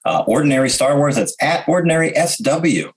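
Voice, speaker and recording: A man chatting casually and jokingly as a podcast guest, often halting and repeating words as he thinks. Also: on the high side.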